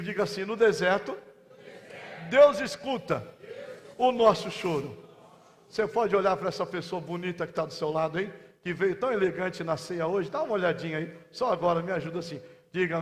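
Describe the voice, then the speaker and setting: Fervent Brazilian pastor in a reverberant church. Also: male voice, sits high. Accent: Brazilian Portuguese. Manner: fervent, swings from soft and intimate to loud shouting. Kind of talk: sermon. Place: large church hall. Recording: long church hall reverb.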